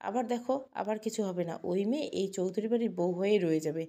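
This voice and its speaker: A woman's voice: medium pitch, quick pace, warm tone, natural voice. Woman voicing a bitter scheming aunt. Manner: whining, resentful, complaining. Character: bitter scheming aunt, jealous for her son.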